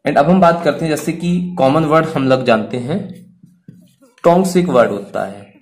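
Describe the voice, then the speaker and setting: A man's voice: on the high side, normal speed. Hindi teacher guy explaining grammar, indian accent on the english words, asks himself questions and answers them. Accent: Indian English words in Hindi speech.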